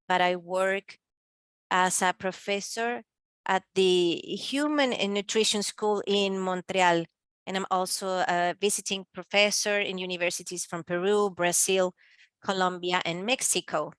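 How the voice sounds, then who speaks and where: A woman interpreting a panel discussion live, pacing her words out slowly and with care. She hesitates often and fills the gaps with small sounds. Her voice sits at an ordinary pitch and reaches the mic dry and close, with no room around it. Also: a bit bright, clear, resonant tone, no room sound. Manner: halting, with pauses and filler sounds.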